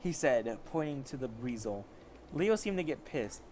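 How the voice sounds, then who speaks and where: His medium-pitched, slightly mellow voice swings widely in pitch at a normal speed as he casually reads fan fiction aloud. This amateur story reader stumbles and corrects himself, and a little hiss or hum runs underneath.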